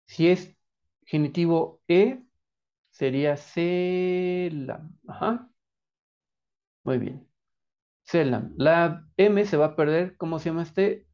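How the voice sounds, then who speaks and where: A man's voice: on the high side, lively intonation, slow pace, pauses often, a little mellow, lo-fi sound. A man with a Mexican accent teaching a lesson in quiz style, answering his own questions and praising the viewer. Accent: Mexican Spanish.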